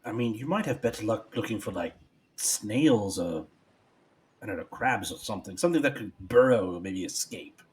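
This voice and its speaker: A man's voice: on the low side, lively intonation, moderate pace, a little hiss or hum. A man chatting casually as a player in a tabletop roleplaying game.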